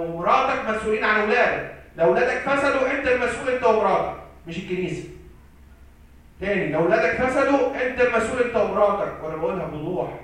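A man's voice: high voice, a bit bright. A man with an Egyptian accent preaching a sermon as a priest, emphatic, repeating key phrases and answering his own questions, recorded from a distance in an echoey hall. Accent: Egyptian Arabic.

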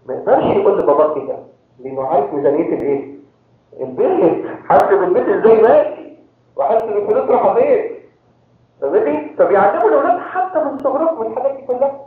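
A man's voice: sits high, lively intonation, very fast. A man from Cairo with an Egyptian accent, a priest preaching a sermon and quizzing his listeners with rhetorical questions. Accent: Egyptian Arabic. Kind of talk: sermon to a congregation. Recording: very echoey tinny phone-like hall recording.

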